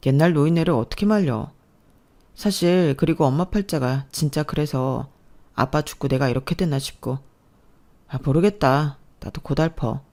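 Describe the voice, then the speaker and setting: A woman's voice: sits low, moderate pace, dark tone, pitched below the performer's own voice. A woman voicing a sullen, self-pitying young husband who talks in a grumbling, dismissive way.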